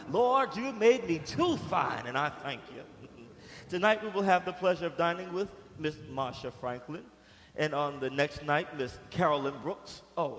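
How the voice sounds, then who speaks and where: A man playing a vain rich playboy. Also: on the high side. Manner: boastful, laughs at his own lines. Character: vain, rich young ladies' man who boasts endlessly. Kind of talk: live stage play. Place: theatre stage. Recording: reverberant theatre hall.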